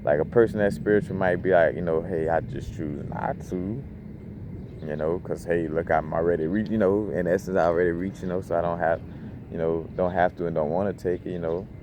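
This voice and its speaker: Deep-voiced man, loose slangy spiritual talk. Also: fairly even intonation, a little fast. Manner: loose, rambling, slangy, lots of "you know what I'm saying". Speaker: crystal channel host. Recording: noisy background hum.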